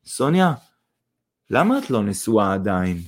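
A man voicing an earnest young man in love who speaks quietly and in earnest. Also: lowish voice, big pitch swings.

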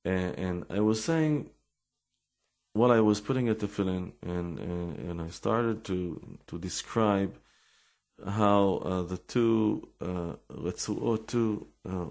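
Telling personal stories in a relaxed religious talk, a man with an Israeli accent speaks in a low-pitched, creaky, slightly mellow voice. He hesitates and repeats words while looking for the English he needs.

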